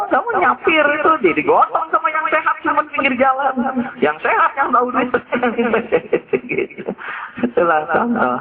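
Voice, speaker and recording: A man from Indonesia preaching a sermon in a casual, lively manner, swinging between high exclamations and low drawn-out phrases. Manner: casual Jakarta-style slang mixed into teaching. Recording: phone-like lo-fi recording with crowd.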